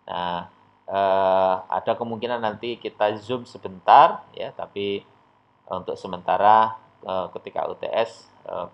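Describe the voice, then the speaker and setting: A man teaching a tajwid recitation lesson online, explaining rules patiently and chanting the examples slowly. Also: on the low side. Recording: dull lo-fi audio.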